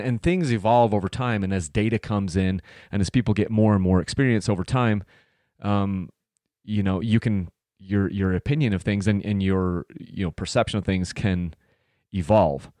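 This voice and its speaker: Male podcast host, late 30s, lowish voice, loose rambling delivery; dry close mic. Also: a little mellow, dry recording. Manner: rambling, many fillers and restarts. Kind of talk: casual solo podcast talk.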